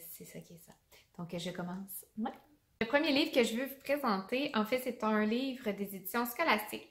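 A young woman with a Québécois accent, a teacher chatting enthusiastically about children's books and stumbling on names. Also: mid-range voice. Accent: Québécois French. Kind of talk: casual book review vlog. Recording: roomy echo.

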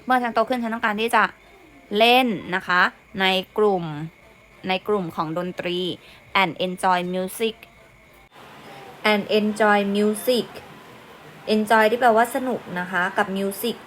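A woman's voice: medium pitch, fairly even intonation, slow, slight background noise. A young woman teacher, patiently explaining English exam questions word by word, repeating each word and its meaning. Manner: patient, repeats words and meanings, says "นะคะ" often.

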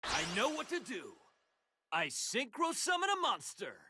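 A man's voice: extremely high pitch, huge pitch swings, background noise, full character voice. A man voicing a determined, hopeful young hero duelist in an anime card game, earnest and emphatic. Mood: resolute. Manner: earnest, emphatic, slow deliberate battle declarations. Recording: game music behind the voice. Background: game music.

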